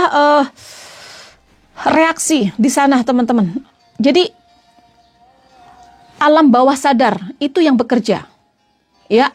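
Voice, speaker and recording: A woman preacher with a high voice gives an earnest religious talk to her online followers. She keeps repeating her points and pauses now and then to answer greetings in the comments. Soft music plays faintly behind her. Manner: earnest and repetitive, often calling listeners "friends". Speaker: female Islamic preacher (ustazah).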